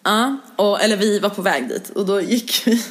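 A young woman in casual chat, telling a story with lots of fillers and acting out what she and others said. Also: mid-range voice. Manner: lively storyteller who acts out her own quotes, full of fillers.

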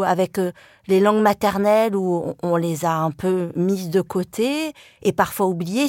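Her medium-pitched voice has a slightly mellow quality, recorded in a clean studio without echo. She is a French journalist and writer whose first language is Vietnamese, and in this reflective interview she speaks thoughtfully, with many fillers and false starts.

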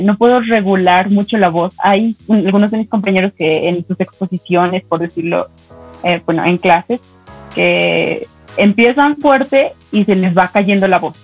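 A woman's voice: mid-range voice, no room sound, rough recording. A woman from the audience asking the speaker a question, hesitant and full of fillers.

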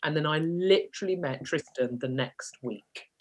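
A woman appearing as a guest tells candid personal stories in a chatty, self-mocking way, laughing often. Her voice is low-pitched at a normal speed.

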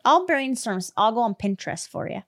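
Woman, podcast co-host. Conversational, with lively, varied intonation. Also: a little high, a little fast. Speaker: true crime podcast co-host. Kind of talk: casual chat.

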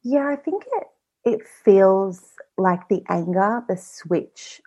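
Speaking slowly and expressively, a woman with a medium-pitched, mellow voice talks as a guest on a podcast. The conversation is a relaxed personal interview, full of fillers, where she frequently voices her own inner thoughts; the audio is lo-fi and a bit dull.

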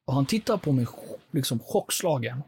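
A man, a podcast guest, telling his personal life story in an earnest, animated way, with frequent fillers. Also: mid-range voice, creaky, breathy edge.

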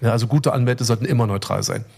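A man's voice: medium pitch, fast, vocal fry, a little mellow. A middle-aged man telling a story in casual chat, rambling and emotional, with many fillers and restarts. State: recovering from illness. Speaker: podcast co-host.

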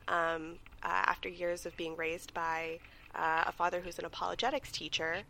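A woman's voice: lowish voice, fairly even intonation, normal speed, creaky, bright, forceful tone, slight background noise. A woman from Malaysia, a podcast guest who speaks thoughtfully and hesitates while searching for words. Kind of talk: casual podcast chat.

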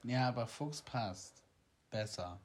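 A man's voice: medium pitch, expressive, takes it slowly, crowd noise. A man co-hosting a podcast, talking in a casual, conversational style. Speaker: podcast co-host. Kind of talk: casual chat.

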